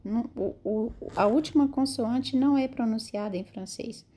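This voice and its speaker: A woman teaching French pronunciation, repeating each model word slowly and carefully. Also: on the high side, warm tone. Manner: slow, drawn-out model words, repeats each phrase. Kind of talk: pronunciation lesson.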